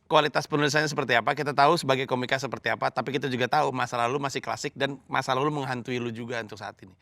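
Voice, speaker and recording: A man's voice: mid-range voice, steady tone, very fast, creaky, sharp tone, no room sound. A man, a comedy judge giving direct, coaching feedback to a comedian.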